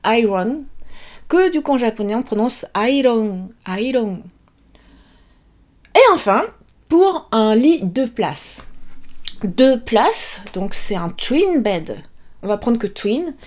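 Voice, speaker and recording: A woman's voice: a little high, sing-song, slow pace, a little mellow. A woman teaching a casual vocabulary lesson, chatty and laughing often, drilling students with repeated questions. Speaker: Japanese language teacher.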